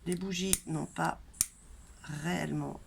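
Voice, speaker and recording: A woman's voice: lowish voice, steady tone, unhurried, vocal fry. A woman with a nasal, congested voice and a blocked throat, giving a casual, chatty tarot reading straight to viewers in a hesitant manner. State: congested throat, coughing and throat-clearing. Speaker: tarot reader and channel host. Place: outdoors in a light wind. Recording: noisy outdoor recording with wind.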